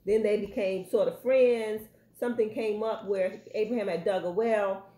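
A woman's voice: medium pitch, steady tone, moderate pace, mellow. A woman leading a Bible study, explaining scripture and checking in with her listeners. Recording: roomy echo.

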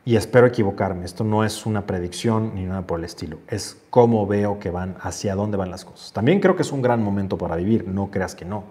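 Speaking quickly with hardly any pauses, a man in his forties uses a fairly low, dark voice as he reads viewer comments aloud and thinks them over earnestly. It's a casual livestream chat broadcast from his indoor home office with shelves.

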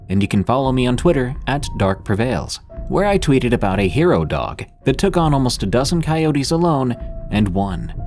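A man with a medium-pitched, slightly mellow voice hosts a horror podcast. He narrates scripted horror stories with a dramatic storyteller's delivery.

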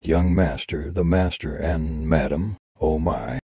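Man acting elderly comic butler, scandalized, deferential, rough husky voice, extremely deep. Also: slow, dark tone, dry recording, studio quality, full character voice. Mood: shocked. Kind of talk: dubbed comic dialogue.

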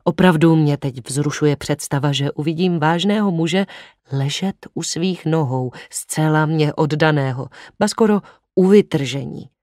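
A man's voice: on the high side, dry recording, clean studio sound, natural voice. A man voicing a cold, commanding young woman. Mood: excited. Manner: sharp and imperious. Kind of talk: audiobook reading.

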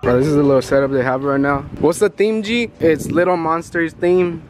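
A man's voice: on the high side, fairly quick, background noise. A young man vlogging a family party outdoors, talking in slangy, upbeat casual narration to his handheld camera. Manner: slangy, upbeat, laughing often.

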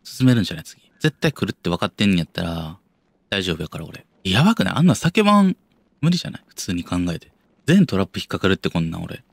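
A young man with a Kansai accent plays through a horror game, keeping his voice low and then yelping when startled. His pitch swings all over the place. The sound is dry and close, with no room echo. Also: sing-song, fast talker, gravelly. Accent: Kansai Japanese. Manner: jumpy, yelps and mutters to himself, talks himself down. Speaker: game streamer.

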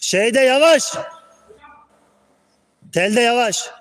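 High-voiced man barking short coaching orders. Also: expressive, drawn-out words. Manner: terse shouted commands. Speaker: youth football coach. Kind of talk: coaching from the sideline. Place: outdoor football pitch.

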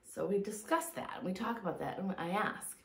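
A woman coach gives a reflective motivational talk, leaning on repeated phrases for emphasis. Her voice sits at a middle pitch. The room around her is roomy and echoey. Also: a little fast, slight background noise. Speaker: fitness and mindset coach.

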